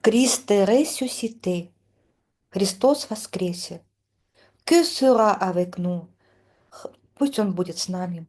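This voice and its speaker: Middle-aged woman, French teacher, slow and mellow, expressive line-by-line reading. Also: medium pitch. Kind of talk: reading a poem aloud line by line with translation.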